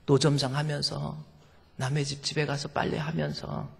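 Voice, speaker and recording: Man doing a soft-spoken elderly mother. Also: on the high side, flat delivery, creaky, slightly rough, big-room sound, heavily acted. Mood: firm. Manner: soft, slow, gently reproving. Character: elderly widowed mother, gentle and steady in faith.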